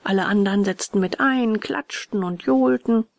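A woman reading a children's story aloud in a soft, often whispered narration. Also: medium pitch, a little slow, creaky, no room sound.

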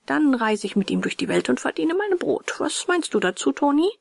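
A woman voicing a hot-tempered old male woodcarver, touchy and quick to flare up. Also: sits high, big pitch swings, vocal fry, no echo, studio quality, pitched above the performer's own voice, full character voice. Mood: chatty.

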